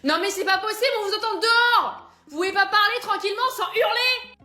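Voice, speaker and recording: A woman's voice: huge pitch swings, fast, echoey room, full character voice. A woman playing an exasperated mother who scolds and nags her kids, in a comedy sketch with music behind. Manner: scolding, nagging, loud and shrill. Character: exasperated shouting French mother of teenagers.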